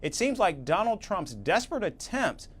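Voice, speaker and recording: A man anchoring a news report, reading a script in a measured, even-toned way. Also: high-pitched, husky.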